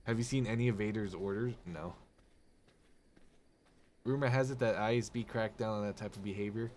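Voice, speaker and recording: A man ranting on a live game stream, animated, sarcastic and full of swearing. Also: fairly low pitch, normal speed, slight background noise. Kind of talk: casual live-stream rant.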